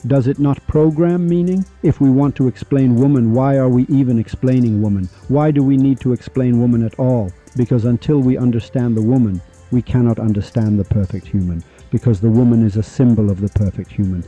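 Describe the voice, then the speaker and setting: A man with a very dark, mellow voice hosts a monologue podcast with dramatic, repetitive storytelling and rhetorical questions. The recording sounds slightly dull and lo-fi. Faint music plays beneath him. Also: medium pitch, fairly even intonation, brisk, few pauses. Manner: rhetorical, preachy, repeats for effect. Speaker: podcast host.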